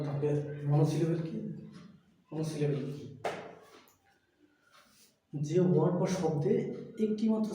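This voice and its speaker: A man teaching an English grammar lesson by a board, explaining slowly and repeating each point for his viewers. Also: on the high side, dark tone. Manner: slow, repetitive explaining to viewers. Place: classroom with a board. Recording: very echoey, distant, faint room noise.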